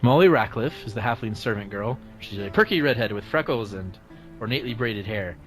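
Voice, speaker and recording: A man narrating casually as game master, improvising hesitantly with lots of pauses. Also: fairly low pitch, animated, soft background music.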